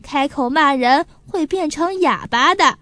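A woman's voice: sits high, unhurried, bright, forceful tone, dry recording, soft background music. A woman voicing a cheerful, teasing tumbler toy in a children's story, speaking with chuckling amusement.

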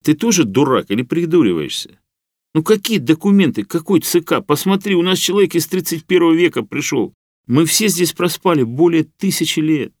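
Storybook: man playing a blunt, exasperated everyman, colloquial, raised and lively delivery. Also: on the high side, brisk, no echo, studio quality, voice pushed up. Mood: indignant. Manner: irritated, colloquial, emphatic. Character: blunt, exasperated young Soviet-era man, Lyokha.

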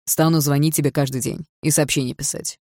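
A woman's voice: low voice, steady tone, fairly quick, mellow, no echo, clean studio sound. A woman voicing a pushy, jealous young man who speaks coldly and insistently. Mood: menacing. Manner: cold and insistent.

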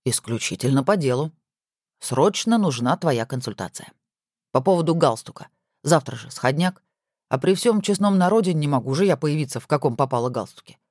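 Lady doing a low smug husband voice, deadpan teasing, storybook. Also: brisk, no room sound. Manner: dry mock-pompous teasing. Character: teasing, self-important rich husband.

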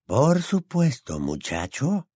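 A man voicing an emotional old male wizard in an audiobook, with a high, halting voice and a slow, quavering, earnest delivery. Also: wildly swooping pitch, mellow, breathy edge, no echo, clean studio sound, exaggerated voice. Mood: fond. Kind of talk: audiobook character voice.

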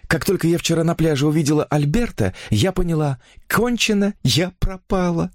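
A man's voice: fairly high pitch, animated, normal speed, a little mellow, dry recording, clean studio sound, voice pushed up, lightly acted. Man putting on a gushing young woman.

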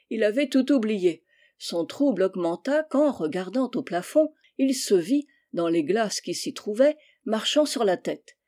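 Mellow-voiced woman reading a fairy tale. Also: mid-range voice. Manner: calm, even storytelling. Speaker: volunteer audiobook reader. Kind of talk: storybook narration.

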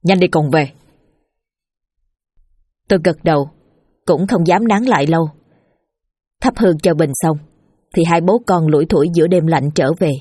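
A woman narrating a scripted horror story in a steady, tense storytelling manner. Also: lowish voice, normal speed, long pauses, breathy edge, dry recording, studio quality. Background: faint music.

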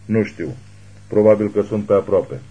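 A man's voice: lowish voice, breathy edge, muffled recording. A man voicing a caring, urgent woman. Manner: quick practical questions, urging. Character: anxious, caring young woman tending a wound.

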